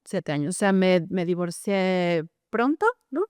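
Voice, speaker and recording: A woman's voice: on the low side, expressive, measured pace, darkish tone, smooth, dry recording, clean studio sound. A middle-aged woman, a therapist telling her own story in an interview, earnest and full of tag questions. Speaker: gestalt therapist, guest.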